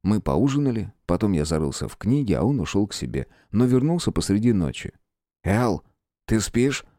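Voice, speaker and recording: A man's voice: fairly low pitch, fast, no room sound, clean studio sound. A man narrating a fantasy audiobook in the first person, expressively. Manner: expressive storytelling. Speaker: audiobook reader.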